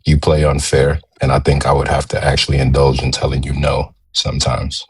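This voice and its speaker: A man's voice: very deep voice, monotone, a little fast, slightly rough. A man in his thirties chatting casually as a panel guest, guarded and reluctant in his answers. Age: 30s. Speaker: panel guest on a live show. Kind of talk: casual chat.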